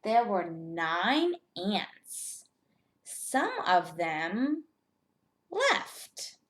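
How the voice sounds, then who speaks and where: Very slow-talking woman teaching young children. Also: medium pitch, a bit bright. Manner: simple, deliberate phrasing with questions to young learners. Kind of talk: children's math lesson, step-by-step instruction.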